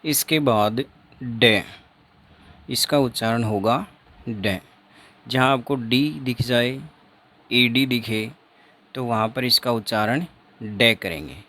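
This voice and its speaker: A man's voice: mid-range voice, slow pace, long pauses, fairly bright tone. A man teaching an exam-prep phonetics lesson, repeating each sound and example several times.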